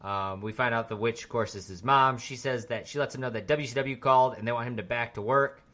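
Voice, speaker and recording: A man with a bright, clear-edged voice co-hosts a casual wrestling podcast. He recaps scenes loosely, piling on fillers as he goes. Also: medium pitch, brisk. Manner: relaxed, rambling recap with frequent fillers. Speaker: podcast co-host.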